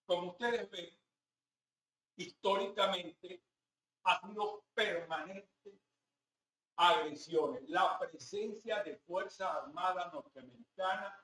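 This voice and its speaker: A man's voice: sits high, slow pace, long pauses, pushed and bright. A Venezuelan man, a professor, giving a classroom lecture in a chatty way with rhetorical asides to his listeners. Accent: Venezuelan Spanish. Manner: conversational, rhetorical asides to the audience. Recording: roomy hall, mic at a distance, faint background noise.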